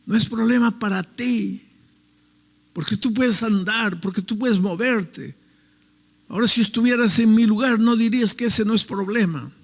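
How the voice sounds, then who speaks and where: Man doing a bedridden young guy, higher voice, rough and gravelly, defiant. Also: moderate pace, long reverb tail. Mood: angry, defiant. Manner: shouting, defiant.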